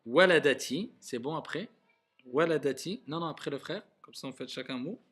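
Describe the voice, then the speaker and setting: A man teaching Arabic reading to a class, patiently repeating words slowly and clearly to correct his students. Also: a little high, a bit bright. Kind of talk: classroom lesson.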